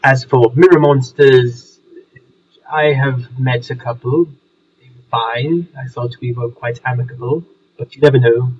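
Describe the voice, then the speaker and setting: A man's voice: mid-range voice, fairly even intonation, a little slow, a little mellow, slight background noise, lightly acted. Man acting a fussy showman, distant and muffled. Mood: fussy, conciliatory. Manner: florid, old-fashioned wording with hesitant restarts. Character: long-lived, fussy, mild-mannered male showman. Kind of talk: in-character tabletop role-play. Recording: distant, muffled mic with music underneath.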